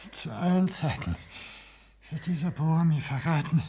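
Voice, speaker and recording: A man's voice: a little high, lively intonation, moderate pace, dark tone, slight background noise. A man playing a frantic jealous young barber.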